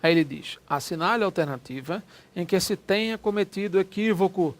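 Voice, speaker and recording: A man's voice: high-pitched, expressive. A man with a Brazilian Portuguese accent teaching an exam-prep lesson, chatty and often checking in with the listener. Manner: chatty, prods the listener with quick check-ins. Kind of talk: lecture explaining exam questions.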